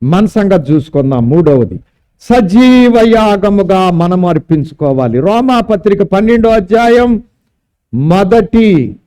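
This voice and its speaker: A man's voice: sits high, animated, measured pace, mellow. A man preaching a sermon at a church service, emphatic and drawing out key words. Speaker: pastor.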